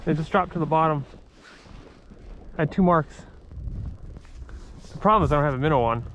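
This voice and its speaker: High-voiced man filming outdoors. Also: normal speed, a little hiss or hum. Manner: upbeat, rambling, excited when fish bite. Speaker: vlogger, angler. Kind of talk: casual outdoor chat. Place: outdoors on a frozen lake. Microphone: action camera on body.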